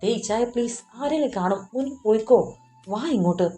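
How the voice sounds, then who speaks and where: A woman's voice: on the low side, brisk, mellow, soft background music, lightly acted. A woman voicing an anxious young heroine in a storybook romance, urgent and pleading.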